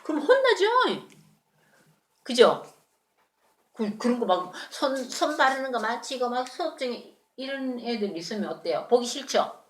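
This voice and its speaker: A woman telling a Bible story to children in church, animated and often asking them questions. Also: a little high, normal speed, echoey room. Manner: animated, asks children questions, acts out voices. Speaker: children's Sunday school teacher.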